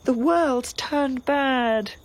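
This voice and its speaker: A stage actress plays a grieving, vengeful young princess in a classical tragedy, delivering an impassioned, bitter lament that sometimes drops to a whisper. Her female voice is high-pitched and very slow.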